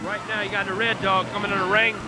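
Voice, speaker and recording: A man's voice: high voice, level tone, quick pace, very noisy. A man giving conversational, explanatory color commentary at a live wrestling event.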